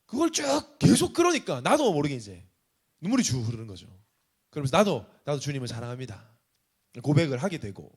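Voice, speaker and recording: A man's voice: on the high side, sing-song, fairly quick, husky. A young adult man, a pastor, preaching a conversational sermon with rhetorical questions.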